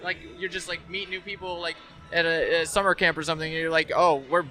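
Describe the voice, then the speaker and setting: A man with a bright, forceful voice, pitched a little above the usual for men, chats earnestly on a live podcast. He rambles and restarts his sentences again and again. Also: flat delivery, fast, soft background music. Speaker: guest. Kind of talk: casual chat. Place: live event venue.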